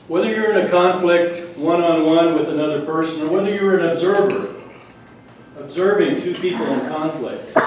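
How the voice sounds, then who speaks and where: Man, speech to a club audience, loud powerful voice, slightly high, heard from afar in an echoey room. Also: far from the mic, slight background noise. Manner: rhetorical questions to the audience. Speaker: speaker.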